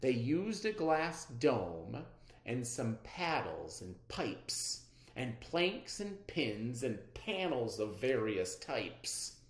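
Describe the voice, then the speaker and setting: A storybook reader narrates a children's read-aloud expressively, using dramatic emphasis, big pitch swings and drawn-out words in a mid-range voice. The recording sounds roomy and echoey.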